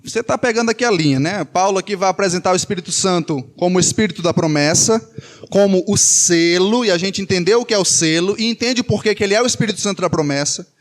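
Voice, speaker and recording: Man, Brazilian Portuguese accent, sermon, high voice, emphatic, repeats phrases, rhetorical questions. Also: fast. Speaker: preacher.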